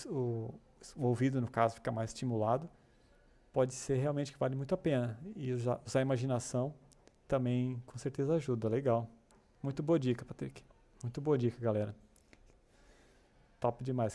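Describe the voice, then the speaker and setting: He's the English class host for a developer community, reading chat comments during a casual live-stream lesson. Expect a mellow, medium-pitched voice, lots of filler tags and restarts, and a chatty, encouraging tone.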